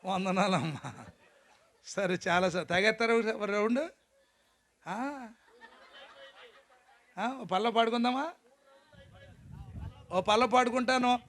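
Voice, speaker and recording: A man preaching a lively, joking sermon as pastor to a congregation in a church hall, urging the crowd to shout. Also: sits high, takes it slowly, pauses often.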